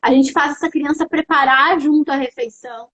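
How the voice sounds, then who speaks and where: A young adult woman with a Brazilian accent hosting a live stream as an educational psychologist, explaining parenting tips to viewers in an animated, direct way. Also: sits high, fairly quick, muffled recording. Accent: Brazilian Portuguese. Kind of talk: casual live-stream advice talk.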